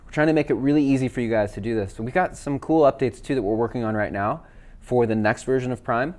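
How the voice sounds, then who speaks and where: A man, a worship leader, walking viewers through app features in a relaxed, chatty way with fillers. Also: medium pitch, quick pace. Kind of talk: casual software demo. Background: backing tracks playing.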